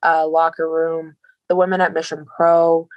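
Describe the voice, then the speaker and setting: A young adult woman, a professional wrestler, telling stories in an interview in a grateful, animated way. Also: deep voice, moderate pace, highs cut off. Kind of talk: casual interview storytelling.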